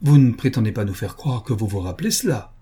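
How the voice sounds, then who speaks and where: A man's voice: fairly low pitch, animated, fast talker, dark tone, breathy edge. A man voicing Mr. McGabry, a pompous, sentimental and jealous suitor, in a read-aloud novel.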